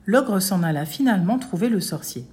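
A woman narrating a folk tale aloud with an even storytelling cadence. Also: medium pitch, a little fast.

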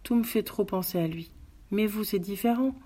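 A woman voicing a soft-spoken widow who pleads sweetly and quietly schemes. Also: medium pitch, moderate pace, pitched above the performer's own voice, lightly acted. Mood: pleading.

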